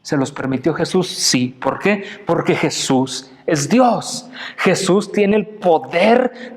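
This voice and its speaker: Man from Mexico preaching with animated swings. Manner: animated preaching, acting out quotes with big pitch swings; addresses listeners directly with questions. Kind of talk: sermon.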